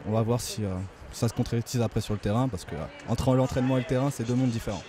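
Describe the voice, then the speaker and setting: A man's voice: mid-range voice, steady tone, fast, crowd noise. A young man gives matter-of-fact answers in a street interview.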